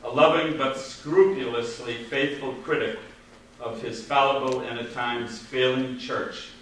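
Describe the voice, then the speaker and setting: A man's voice: medium pitch, fairly even intonation, a little slow, a bit bright. A man hosting an event gives a formal introduction, reading a written tribute aloud. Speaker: host introducing a guest speaker. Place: large echoey room, far from microphone. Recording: very echoey, distant, noisy hall.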